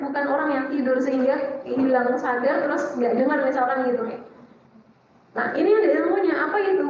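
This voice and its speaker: A woman teacher with a Javanese-tinged Indonesian accent gives a lively religious talk to women, firing off questions and answering them herself. Her voice sits high and bright. She is heard from a distance in a very echoey hall. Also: slight background noise. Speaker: Islamic teacher and psychologist.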